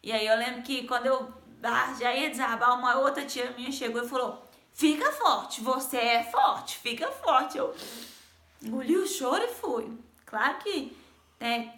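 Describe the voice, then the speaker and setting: A woman's voice: on the high side, steady tone, normal speed, a bit bright, reverberant. A woman with a Brazilian Portuguese accent sharing a devotional message and personal stories in a chatty way, talking straight to her viewers. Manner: chatty, keeps addressing viewers directly. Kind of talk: devotional vlog with personal storytelling.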